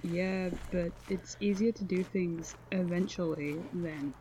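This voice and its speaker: A man playing a gentle, candid young college friend in an audio drama, plain-spoken and conversational. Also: high-pitched, steady tone, unhurried, slight background noise, low-quality recording. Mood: concerned. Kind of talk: naturalistic audio drama acting.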